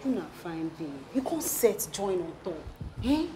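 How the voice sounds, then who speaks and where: A woman's voice: mid-range voice, very animated, normal speed, mellow, slight background noise, close to an everyday voice. An actress playing a worried young woman coworker who is protective of her friend, speaking Nigerian Pidgin. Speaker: shop coworker. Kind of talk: Nollywood film acting.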